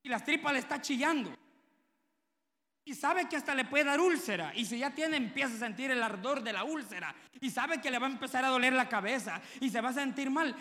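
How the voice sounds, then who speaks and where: A man's voice: extremely high pitch, animated, fairly quick, bright, forceful tone, big-room sound. A man preaching a sermon, telling stories and acting out the dialogue in them. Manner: conversational storytelling, acting out quoted dialogue.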